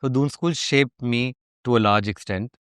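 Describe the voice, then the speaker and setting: A man's voice: mid-range voice, moderate pace, a bit bright, clear, resonant tone, dry recording, clean studio sound. A man with an educated upper-class Indian accent, answering interview questions in a reflective, conversational way. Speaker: interview guest.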